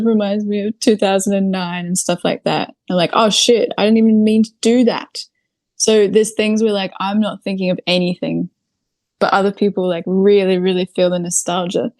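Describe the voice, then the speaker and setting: A New Zealand woman who creates videos talks casually as a podcast interview guest, her speech full of "like" and "literally." Her voice is fairly low and a little mellow, with no room sound.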